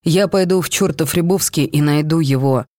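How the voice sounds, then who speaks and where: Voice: medium pitch, normal speed, a little mellow, dry recording, clean studio sound, natural voice. A reader voicing Edward, a furious young man. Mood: angry. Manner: outbursts of anger. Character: angry young man desperate to find his twin.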